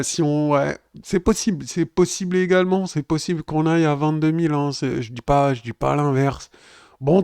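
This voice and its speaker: A man's voice: fairly high pitch, darkish tone, dry recording, clean studio sound. A man giving casual live crypto chart analysis, chatting directly to his viewers. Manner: chatty, addresses viewers as "les gars". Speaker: crypto trading streamer.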